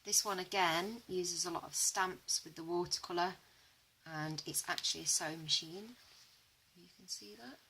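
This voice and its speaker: A woman, narrating an art journal flip-through in a relaxed, chatty way with frequent ums, hoarse as she loses her voice. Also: moderate pace, a little hiss or hum, rough recording. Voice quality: low, flat and gravelly voice.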